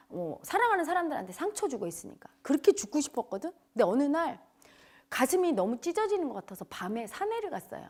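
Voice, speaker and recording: A woman spiritual teacher giving an emotional lecture, telling her story with loud outbursts that drop into hushed near-whispers. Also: sits high. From Cheongju area, South Korea.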